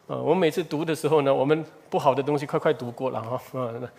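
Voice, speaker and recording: A man's voice: medium pitch, steady tone, quick pace, creaky, a little mellow. A middle-aged male pastor preaching a sermon in an earnest way, asking the congregation rhetorical questions and building up emphasis.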